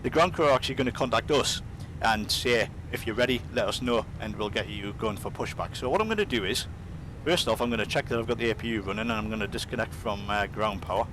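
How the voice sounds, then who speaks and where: A man giving a casual, explanatory software demonstration as its presenter. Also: fast, hardly any pauses. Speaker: presenter of a flight simulator demonstration. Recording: rumbling engine noise behind. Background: simulator aircraft rumble.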